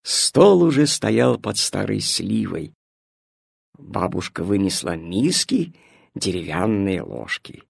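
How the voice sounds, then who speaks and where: Slow gravelly male storyteller. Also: low-pitched, very animated, dry recording, clean studio sound. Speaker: narrator. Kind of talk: storybook reading.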